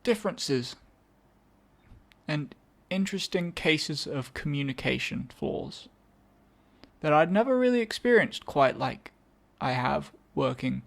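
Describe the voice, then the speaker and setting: A young Englishman from England hosts a podcast, chatting loosely and solo to his listeners as he introduces songs between tracks. His voice runs slightly high, animated but slow, with some vocal fry. He often corrects himself mid-sentence with dry, self-mocking asides.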